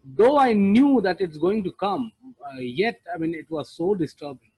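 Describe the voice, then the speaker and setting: A man's voice: high-pitched, big pitch swings, normal speed, darkish tone, slightly rough, no room sound, low-quality recording. A man speaking casually as a panelist in a podcast discussion.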